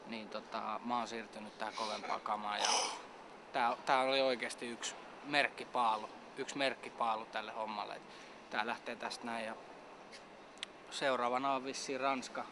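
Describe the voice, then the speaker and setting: A man with giving a comic mock interview, bragging in a self-important, mock-serious way. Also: medium pitch. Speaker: mock athlete being interviewed. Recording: outdoor street noise.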